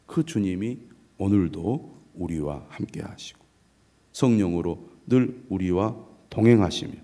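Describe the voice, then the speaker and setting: Middle-aged guy preaching, gravelly low voice, dark mellow tone. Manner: measured preaching, quotes scripture aloud. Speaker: pastor. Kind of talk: early morning sermon.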